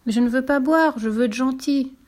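A woman's voice: high voice, a little fast, darkish tone, pitched above the performer's own voice, natural voice. A woman voicing a timid, polite little male devil who talks meekly and eagerly. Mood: pleading. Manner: meek, pleading, eager to please.

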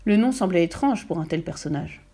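A woman reading a children's story aloud in a calm, measured way. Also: lowish voice, husky.

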